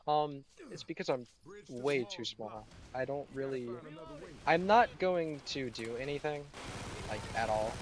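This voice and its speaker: A man's voice: mid-range voice, a little hiss or hum. Sarcastic young American guy streaming. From United States. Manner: sarcastic, rambling. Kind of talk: casual live-stream chat while gaming.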